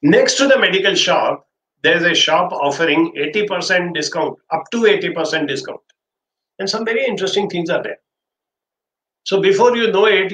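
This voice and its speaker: A man's voice: on the high side, fairly bright tone. Older Indian-accented man lecturing, echoey room. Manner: acts out dialogue in anecdotes. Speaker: trainer giving an online class. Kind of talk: illustrative storytelling lecture. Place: small indoor office. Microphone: webcam livestream from desk distance. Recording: roomy echo with background noise.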